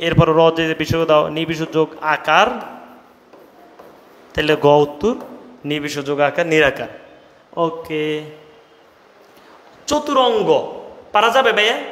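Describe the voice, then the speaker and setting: A young male tutor runs a live online grammar class, quizzing his students and nudging them along like an older brother. His voice sits a little high. The room rings with a long, echoey reverb. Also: a bit bright. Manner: brotherly, coaxing students with quick questions. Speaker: online admission-test tutor.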